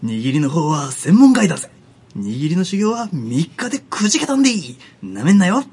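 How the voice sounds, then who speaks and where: A man with a husky voice voicing a gruff, boastful middle-aged sushi know-it-all in an Edo-style Tokyo dialect, in a comic radio skit. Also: fairly high pitch, sing-song, moderate pace, darkish tone. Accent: Edo-style Tokyo dialect put on over Kansai. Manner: blustering, rough street talk.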